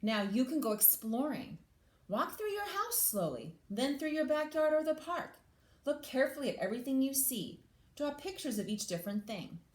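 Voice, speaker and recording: Her voice high, very animated, and a little mellow at normal speed, a teacher reads a picture book to children in an echoey space. She pauses to give simple explanations and pose questions to the kids.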